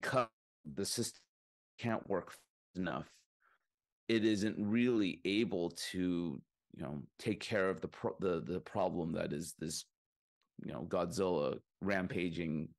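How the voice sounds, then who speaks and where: A man co-hosting a podcast rambles casually about films, full of fillers and restarts. His voice is deep with vocal fry, and he speaks at a measured pace.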